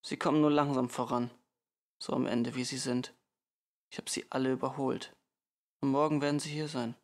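Male reader doing a steady, grim audiobook father, low-key and gravelly. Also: moderate pace, lightly acted. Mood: calm, grim. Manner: quiet, calm, turning sharp when exasperated. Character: calm weary father, middle-aged man.

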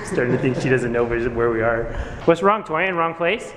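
A man's voice: mid-range voice, animated, normal speed, background noise. A man from Canada vlogging casually with a handheld camera while out shopping in the city, chatty and laughing often. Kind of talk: casual vlog narration. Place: out and about in the city, shops and car.

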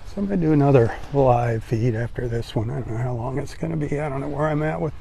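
Older man, gravelly, musing on a beach walk. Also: medium pitch, fast talker, a little hiss or hum. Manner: relaxed, admiring running commentary. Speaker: vlogger walking the beach. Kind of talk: casual live-stream commentary. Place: outdoors on a sandy beach by the sea. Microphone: phone held while walking.

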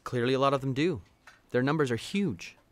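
A man's voice: mid-range voice, fairly quick, lightly acted. A man voicing a skeptical, pragmatic 1960s ad executive puppet with a dry, dismissive manner. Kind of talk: comedic puppet parody dialogue.

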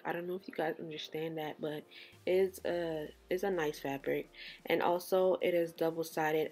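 A woman's voice: fairly low pitch, darkish tone. A woman hosting a DIY craft tutorial in a casual, conversational style.

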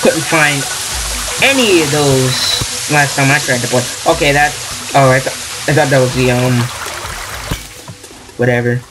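A man's voice: medium pitch, a little slow, pauses often. A young man commentating a game in casual, rambling talk, worn out and tired from an hour of hiccups. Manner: rambling, self-deprecating, tired. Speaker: gameplay commentator. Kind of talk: casual let's play commentary. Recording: game music playing behind.

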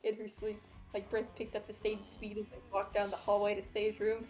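A woman's voice: mid-range voice, completely flat delivery, normal speed, a little mellow. A woman streamer reading a story aloud, swearing freely and stopping to crack sarcastic jokes.

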